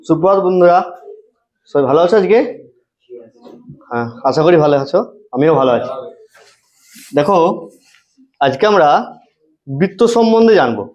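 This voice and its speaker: A woman's voice: low voice, animated, normal speed, long pauses, a little mellow. A female trainee teacher giving a demo lesson, asking questions and answering them herself. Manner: cheerful, asks and answers her own questions. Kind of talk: demo lesson to an imagined class. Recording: dull lo-fi sound.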